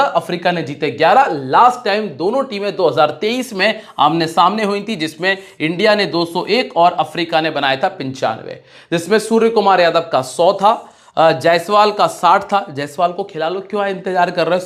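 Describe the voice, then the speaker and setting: A man's voice: high-pitched, a bit bright. A man talking casually to his viewers, giving fantasy cricket predictions and rattling off match stats. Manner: chatty, direct address to viewers, rattling off stats.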